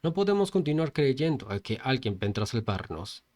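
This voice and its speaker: A man's voice: mid-range voice, big pitch swings, normal speed, darkish tone. A young man narrating a comic recap casually, throwing insults at side characters.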